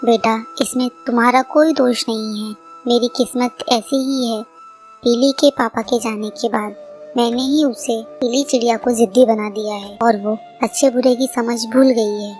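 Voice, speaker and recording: A woman voicing a gentle, sad middle-aged mother bird in a cartoon, speaking softly and pleadingly. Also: on the high side, fairly even intonation, moderate pace, faint music behind, close to an everyday voice. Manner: soft, pleading.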